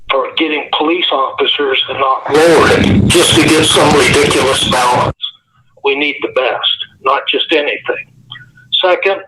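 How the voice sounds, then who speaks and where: A man's voice: on the high side, bright, forceful tone, slight background noise. A man calling in to give blunt public comment at a council meeting, heard over a phone speaker. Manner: blunt, complaining. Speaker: caller giving public comment. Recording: dull lo-fi phone line.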